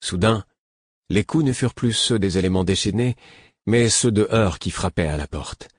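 Man narrating an audiobook, low voice, husky, calm and measured. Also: no echo, studio quality.

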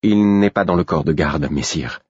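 A grave, unbending woman officer of the guard, voiced by a male reader, firm and polite, in a low husky register. The sound is close and slightly muffled. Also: normal speed, a little mellow, dry recording, full character voice.

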